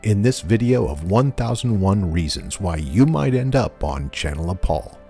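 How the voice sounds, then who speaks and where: A man reading scripted, wry commentary as a video host, deadpan and mock-serious. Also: sits low, moderate pace, vocal fry. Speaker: narrator and host of a video compilation channel. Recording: voice-over with music behind.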